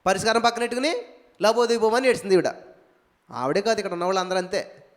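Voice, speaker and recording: A man's voice: sits high, quick pace. A man pastor preaching at a live evening prayer, emphatic, firing rhetorical questions and calling out hallelujahs. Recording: echoey hall reverb.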